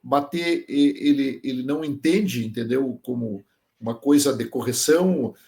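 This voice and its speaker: Speaking at a normal pace in a mid-range, dark-toned voice, a man joins a casual podcast interview as a guest. He trains sheep dogs and explains working dogs with farm examples while checking that his listener follows.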